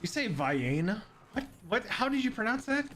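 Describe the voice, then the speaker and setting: A man's voice: very high voice, steady tone, pushed and bright, a little hiss or hum. A man chatting casually with a friend while gaming, joking, swearing and laughing often. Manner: profane, joking, quick to laugh. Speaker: gamer. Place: Saint Louis.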